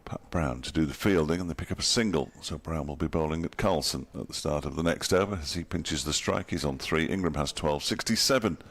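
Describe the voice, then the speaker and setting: A man giving dry, wry ball-by-ball cricket commentary in a relaxed, chatty way. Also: a bass voice, a little fast, hardly any pauses. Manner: dry, wry and chatty, chuckles at his own jokes. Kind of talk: ball-by-ball radio-style commentary.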